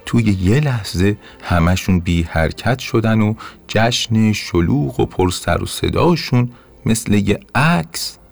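A man narrating a bedtime story in a gentle, expressive way. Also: lowish voice, creaky. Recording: soft music under narration.

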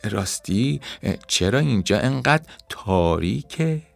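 A man's voice: mid-range voice, very animated, gravelly, dry recording, faint music behind. A man voicing a curious, resourceful little ant in a children's storybook reading, with a raised, eager voice.

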